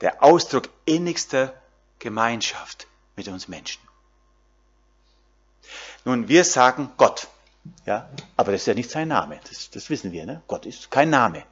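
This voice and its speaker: German preacher with lively, swinging pitch. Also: male voice, unhurried, long pauses, husky, dull audio. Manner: talks directly to the congregation with many fillers and tag questions. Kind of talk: sermon.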